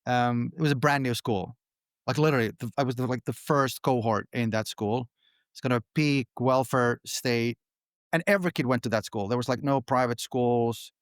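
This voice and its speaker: A man's voice: mid-range voice, clean tone, no room sound. Middle-aged guy from finland chatting on a podcast, lots of "you know", dry close mic. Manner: relaxed, halting, with restarts and "you know". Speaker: podcast guest, company founder. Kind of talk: casual interview answers.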